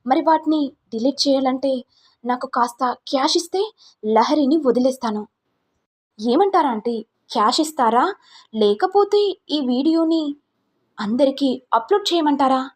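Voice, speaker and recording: While recapping a serial, a woman pushes her voice up to play a smug young male blackmailer. Her high voice has lively intonation, and she taunts and mocks with drawn-out, fake politeness.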